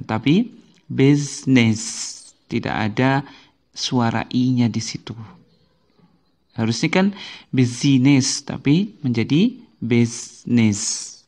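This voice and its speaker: Slow, patient man teaching pronunciation. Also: medium pitch. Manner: patient, repeats each word slowly for learners. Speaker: English teacher. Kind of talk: slow explanatory video lesson.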